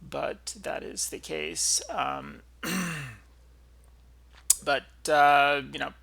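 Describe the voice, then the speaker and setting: A man gives casual, off-the-cuff commentary as a video host. His voice is a little high for a man, with a lot of creak and a bright, forceful edge. He talks in a halting, unscripted way. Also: flat delivery. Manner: halting, frequent throat clearing.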